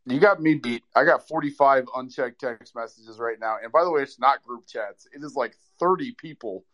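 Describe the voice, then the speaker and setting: A man's voice: medium pitch, normal speed, a bit bright. An American man co-hosting a live audio chat in a casual, self-deprecating, informal way.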